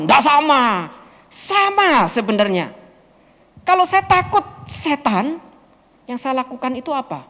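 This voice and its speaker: High-voiced, lively man in a hall. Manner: lively, expressive, acts out the story. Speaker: pastor answering audience questions. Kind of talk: animated storytelling talk to a group. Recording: long hall reverb.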